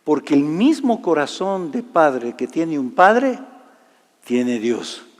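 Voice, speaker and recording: A man preaching a sermon, telling a personal story and swinging from loud to hushed delivery. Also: fairly high pitch, sing-song, slow pace. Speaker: pastor. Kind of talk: sermon testimony. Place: large church hall. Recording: live church hall reverb.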